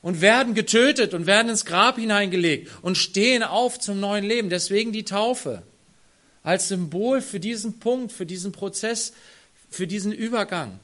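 A man preaching a sermon who speaks straight to his congregation, dropping to near-whispers and then rising to loud, emphatic phrases. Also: sits high, moderate pace. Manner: addresses the congregation directly.

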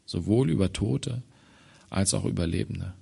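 A man preaching a sermon on a Bible passage, swinging from loud emphatic phrases to quiet low ones. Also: vocal fry, breathy edge. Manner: slow, deliberate delivery.

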